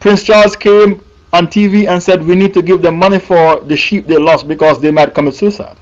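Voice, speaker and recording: A man's voice: high voice, steady tone, brisk, highs cut off. A man preaching a sermon, emphatic and repeating his points for the listeners.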